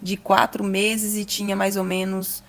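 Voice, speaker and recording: A woman's voice: mid-range voice, flat delivery, unhurried, vocal fry, a bit bright. Earnest woman sharing an emotional testimony. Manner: earnest, emotional, at times near tears. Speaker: guest giving testimony.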